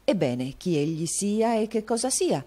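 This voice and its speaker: A woman's voice: mid-range voice, very animated, a little slow, warm tone, pitched above the performer's own voice. A woman reading an audiobook, voicing a gossipy, meddling male actor with an insinuating, confiding tone. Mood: sly gossip.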